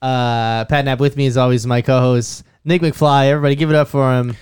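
A man's voice: medium pitch, steady tone, brisk, a little mellow, clean tone. A young man hosting a casual podcast, joking and swearing loosely, his voice thick with phlegm. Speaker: podcast host.

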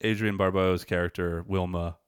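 A man's voice: low voice, moderate pace, smooth, no room sound, studio quality. A man hosting a podcast in casual chat, joking and telling stories animatedly. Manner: animated, joking, lively storytelling. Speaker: podcast host.

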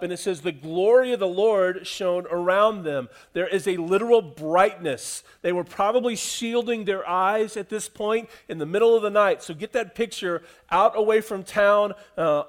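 A male pastor preaching a sermon, moving from loud emphatic lines to soft hushed ones, repeating phrases and asking the listeners questions. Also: high-pitched.

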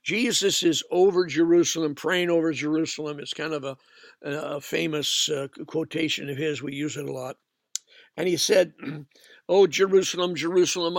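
A man preaching a sermon, retelling scripture stories in a measured, animated way. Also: a little high, no echo, studio quality.

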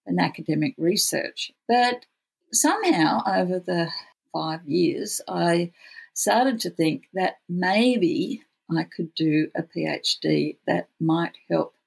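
An Australian speaker with a gravelly, husky voice who says w for r, talking reflectively as an interview guest. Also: medium pitch, poor audio. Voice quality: cannot pronounce R's well, says w for r. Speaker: podcast guest, futurist researcher.

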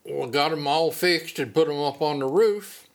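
In a somewhat high voice at normal speed, an older man from Appalachia looks back on his boyhood. The oral-history interview is easygoing, and he speaks in folksy, rural language.

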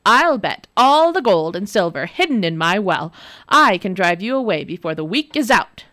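A spiteful male water demon from a storybook, grumbling and shouting his threats, as a woman reads him aloud. His voice stays loud and gruff, with lively swings in pitch. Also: moderate pace, dry recording, clean studio sound. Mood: menacing. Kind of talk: storybook reading.

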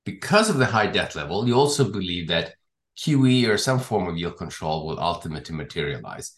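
A man with a low voice presents as a podcast host. He explains in a measured way, with lively rises and falls. The room adds noticeable echo. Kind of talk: podcast discussion, summarizing and signing off.

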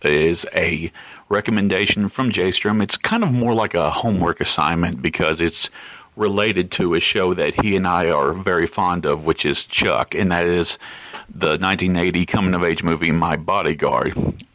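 A man leaving a voice message for a podcast, polite and measured, with frequent "uh" fillers, heard as a recorded message played back. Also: sits low, a bit bright, dry recording. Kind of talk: casual spoken message. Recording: dull lo-fi voicemail audio.

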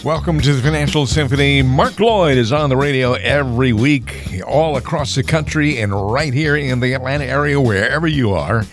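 A man's voice: medium pitch, normal speed, hardly any pauses, music in the background. A man co-hosting a radio finance show, reading out the call-in number and asking the host questions in a friendly announcer tone. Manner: friendly announcer tone, reads phone numbers, asks prompting questions. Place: radio studio. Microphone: studio mic.

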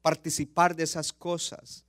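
A man's voice: fairly high pitch, flat delivery, measured pace, a bit bright, dry recording, clean studio sound. A man preaching a sermon as pastor, passionate, building intensity and acting out quoted lines.

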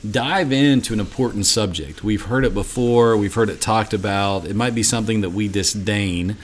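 A man's voice: lowish voice, moderate pace. A man hosting a ministry podcast in casual chat, rambling and repeating words as he restarts his thoughts. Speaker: podcast host for ministry assistants.

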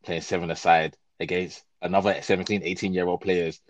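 A man talking football with friends on a casual podcast, excitable and jokey, acting out quotes loudly. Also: sits low, brisk, no echo, muffled recording. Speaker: podcast co-host.

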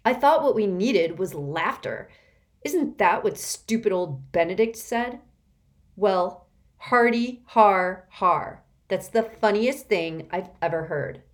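Reading an audiobook, a woman pushes her voice up high to play a cranky, petulant little girl. The character is shrill and very animated, whining, sneering and shouting at a normal speed.

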